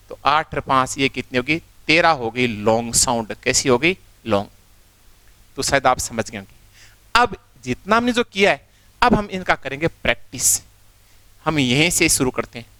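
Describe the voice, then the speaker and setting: A man's voice: fairly high pitch, fairly bright tone, clear, resonant tone, dry recording. A man teaching an exam-prep lesson, explaining step by step and asking the class rhetorical questions as he goes.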